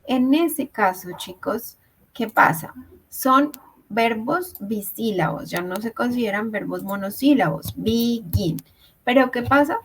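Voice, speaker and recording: A woman teaches English grammar in an online class, walking through each rule patiently. Her voice sits on the high side. She keeps checking that her students follow. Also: animated, takes it slowly, slight background noise, low-quality recording. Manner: patient, explains step by step, checks with "¿listo?". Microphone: video call.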